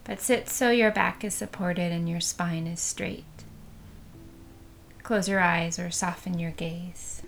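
Female meditation guide, slightly low, soft soothing delivery at a very slow pace. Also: steady tone, vocal fry, a little hiss or hum.

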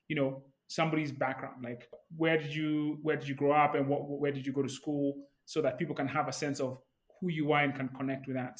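A man hosting an interview, asking long, curious questions full of restarts. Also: a little high. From Kenya. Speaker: interview host. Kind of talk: casual interview talk.

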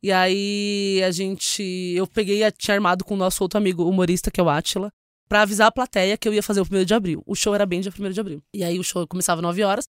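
Fast-talking São woman comedian. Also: medium pitch, clean tone, dry recording, clean studio sound. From São Paulo, Brazil. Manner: animated, laughing storyteller acting out quotes. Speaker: comedian guest. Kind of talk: casual interview storytelling.

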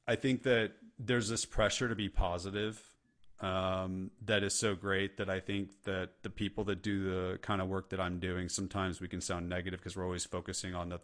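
Middle-aged guy on a podcast, kinda low voice, earnest and emphatic, says man a lot. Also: fairly bright tone. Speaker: guest, leadership coach. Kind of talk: podcast interview conversation.

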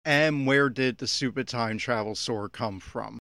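This is unscripted audio commentary on an anime episode from an opinionated podcaster reacting to what he watches. His gravelly, mid-pitched voice carries a sharp, critical, exasperated edge at a measured pace. The recording is close and dry, with no room sound.

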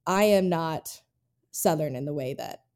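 A North Carolina woman hosts a podcast in a casual interview style, sharing personal stories earnestly and reflectively. Her deep voice is animated and a little mellow, and she takes her time.

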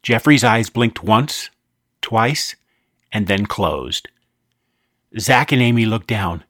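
A man narrating a children's storybook in an expressive, animated way. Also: lowish voice, takes it slowly, no echo, studio quality.

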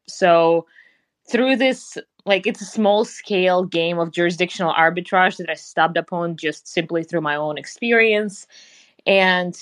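Russian-accented woman guest, lowish voice, dry close mic, measured explainer. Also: a bit bright, dry recording. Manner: explanatory, businesslike, some grammar slips. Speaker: guest, passport business founder. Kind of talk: conversational podcast interview.

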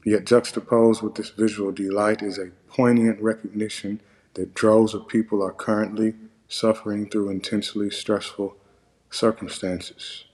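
Low-key man reading, narrow pitch range. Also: little pitch movement, darkish tone. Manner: measured, deliberate reading. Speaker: podcast host; monk. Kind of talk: scripted narration, essay read aloud.

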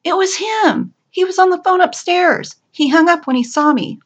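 A woman's voice: medium pitch, sing-song, normal speed, fairly bright tone, husky, dull audio, voice pushed up, full character voice. A woman voicing a teasing young female store coworker with a knowing, playful manner. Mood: excited.

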